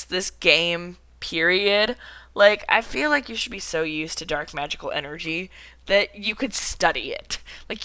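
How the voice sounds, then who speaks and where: A woman's voice: fairly low pitch, pushed and bright, smooth. A woman streamer giving casual gameplay commentary, rambling with lots of fillers and cursing freely. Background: game music.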